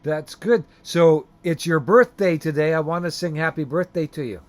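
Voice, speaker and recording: A man's voice: a little high, normal speed. A middle-aged or older man talking casually, as on a family call and to a camera. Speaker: vlogger, son on a phone call. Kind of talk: casual family phone chat and talk to camera.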